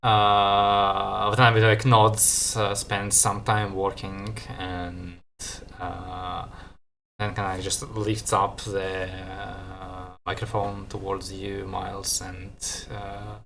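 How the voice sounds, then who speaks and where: A man with a low, gravelly voice runs a tabletop game as game master, speaking hesitantly with many fillers. His voice call audio is choppy and keeps cutting off at word endings. The tone is bright, with faint noise behind him. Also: little pitch movement, slow pace. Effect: choppy voice call audio that cuts out at word endings.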